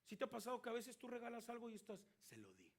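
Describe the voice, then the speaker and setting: A man's voice: very high-pitched, little pitch movement, rapid-fire. A man with a Mexican Spanish accent, preaching as a pastor and asking his listeners questions as he tells a story. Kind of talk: sermon.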